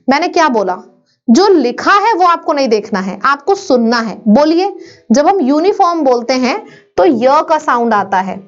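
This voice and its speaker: A woman's voice: high voice, highs cut off. A woman teaching an online English grammar lesson, drilling students by asking questions and answering them herself.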